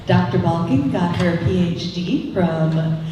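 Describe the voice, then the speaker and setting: A woman's voice: fairly low pitch, lively intonation, slow pace, mellow, slight background noise. A woman giving a heartfelt live introduction of the moderator. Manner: heartfelt, a bit emotional. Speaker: event host introducing moderator. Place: large echoey hall. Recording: echoey hall, distant.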